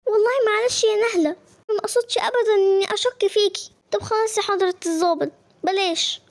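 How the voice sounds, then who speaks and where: A woman's voice: very high-pitched, fairly even intonation, fast. A woman telling a story and voicing a mother politely, with an Egyptian Arabic accent.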